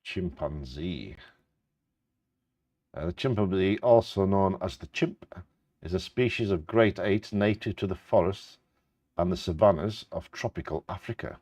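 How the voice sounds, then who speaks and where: Male bingo co-host: low, dry-recorded voice, reads facts with offhand asides. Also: a little slow, a little mellow, no echo. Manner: casual, stumbles over scientific names. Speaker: co-host reading out animal facts. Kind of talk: reading facts aloud with casual asides during a live bingo game.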